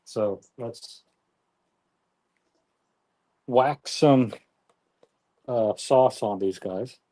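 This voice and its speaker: A man hosts a casual live grilling stream and talks straight to his viewers. His voice is mellow and relaxed, and he pokes fun at himself as he goes. The sound is dry and close. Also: mid-range voice, very slow, no room sound. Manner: self-deprecating, chatty, talks to viewers.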